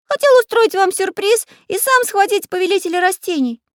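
A woman voicing an excitable living pencil who talks in a squeaky, rapid way. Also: dry recording, studio quality. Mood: excited. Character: cheerful boy-sized living pencil, excitable.

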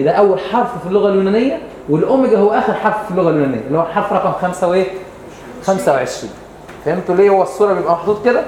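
Fast, patient Egyptian man teaching a class. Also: sits high, darkish tone. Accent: Egyptian Arabic. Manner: patient, repeats questions to the class. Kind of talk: explanatory lesson. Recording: echoey room, faint background noise.

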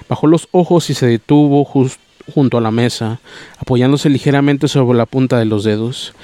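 Male reader for a classic novel, steady delivery with small slips, mid-pitched voice, dry close sound. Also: smooth, no echo. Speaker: narrator reading a novel aloud. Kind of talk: audiobook reading, plain voices for characters.

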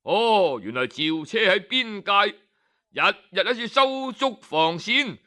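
His high voice clean and smooth, a Hong Kong Cantonese-accented man recounts an old story the way traditional storytellers do. The delivery is leisurely and expressive, with lingering particles and deliberate, dramatic pauses.

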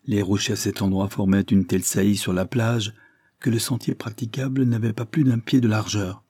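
Male audiobook reader, steady measured narration, husky warm tone. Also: fairly low pitch, no room sound, clean studio sound. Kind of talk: reading a Victorian novel.

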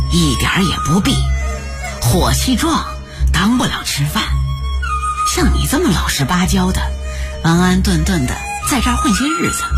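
A man doing a chatty old Beijing woman. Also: high voice. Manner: quick, coaxing, heavily rhotacized talk. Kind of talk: dramatic reading of a novel passage.

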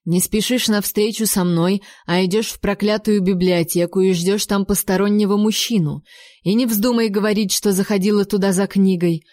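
A woman's voice: mid-range voice, steady tone, normal speed, a little mellow, no echo, clean studio sound, natural voice. A woman reading as a jealous, icy king. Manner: icy, mocking, commanding. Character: jealous, cold-tempered male king. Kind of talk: audiobook reading.

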